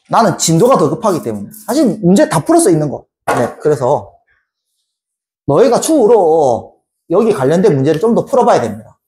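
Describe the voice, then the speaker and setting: A woman math teacher giving a lively lecture, playfully quizzing students and chanting repeated numbers. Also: mid-range voice. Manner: addresses students directly with quick questions.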